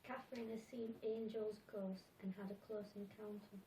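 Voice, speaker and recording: A woman's voice: mid-range voice, fairly even intonation, moderate pace, warm tone. A woman relaying viewer comments in a brief, matter-of-fact way during a casual livestream. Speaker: chat reader. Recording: distant, roomy, faint background noise.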